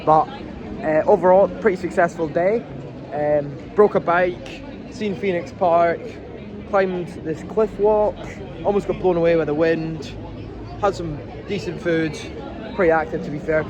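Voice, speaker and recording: Over crowd noise, a young Scottish travel vlogger speaks in an unhurried, steady tone, his voice on the high side. He casually rambles through a day trip, swearing at times, filming on his phone outdoors in a windy seaside town and city streets, which makes for a noisy recording.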